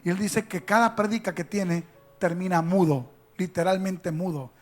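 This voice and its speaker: A pastor with a strong, high-pitched voice delivers his sermon. He moves between quiet, joking asides and loud, emphatic calls to the congregation. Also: fairly even intonation, moderate pace, soft background music.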